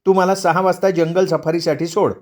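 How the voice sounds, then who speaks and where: A man doing a shrill, bossy young wife. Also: fairly even intonation, moderate pace, a little mellow, close to an everyday voice.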